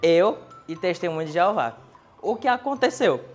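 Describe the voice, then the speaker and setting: A man tells a stand-up story, building comic tension. His voice sits high, and faint music plays behind him. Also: big pitch swings, moderate pace. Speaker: stand-up comedy contestant. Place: TV studio.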